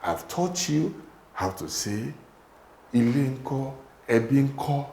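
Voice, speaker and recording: A man's voice: mid-range voice, lively intonation, slow, creaky, warm tone. A man teaching greetings, coaxing his student to repeat after him in a playful way. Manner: coaxing, playful, mixes English and Yoruba. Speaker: language teacher.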